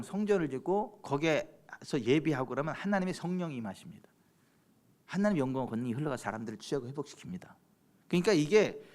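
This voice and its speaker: A man preaching a sermon in church as pastor, questioning members of the congregation by name and moving between loud exclamations and hushed low passages. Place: church sanctuary.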